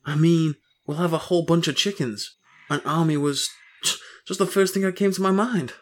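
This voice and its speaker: A man playing a broke farmer husband in an audio story, excitable and rambling, full of grandiose schemes. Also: on the high side, normal speed, lightly acted. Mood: eager, explaining.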